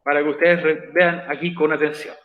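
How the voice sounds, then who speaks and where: A man's voice: on the high side, flat delivery, fairly quick, narrow, tinny audio. A male teacher explaining grammar patiently in an online class, repeating each step. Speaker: English teacher. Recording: echoey room.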